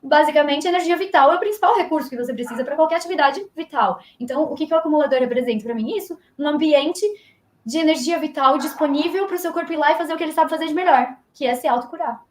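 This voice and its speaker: A woman's voice: sits high, quick pace, slight background noise. A woman speaking as an engineer guest in a live video interview, explaining animatedly and acting out imagined dialogue. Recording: roomy echo.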